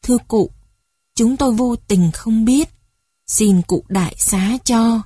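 A woman's voice: a little high, slow, mellow, breathy edge, dry recording, studio quality. A woman voicing a polite young male schoolteacher who speaks formally and deferentially to an elder. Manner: deferential, courteous.

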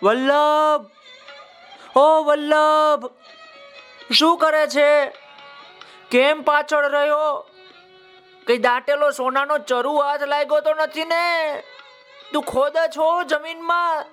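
A man voicing a village schoolboy who calls out loudly and teases a friend in a children's story. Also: very high-pitched, flat delivery, takes it slowly, pauses often, soft background music, pitched above the performer's own voice, full character voice. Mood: teasing. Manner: shouting, teasing.

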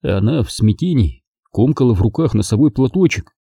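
A man reading a story aloud as an audiobook narrator, expressive and lively. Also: mid-range voice, moderate pace, breathy edge, dry recording. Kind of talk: scripted narration.

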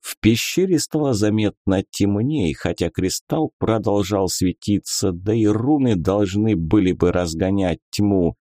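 A man narrating a fantasy audiobook in a measured, expressive way. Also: on the low side, no echo, studio quality.

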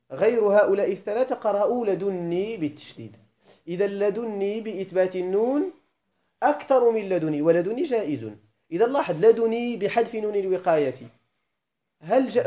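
A man with a Moroccan accent teaching Arabic grammar in a classroom lesson, slowly chanting verse lines and putting questions to his students. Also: high-pitched, expressive, mellow.

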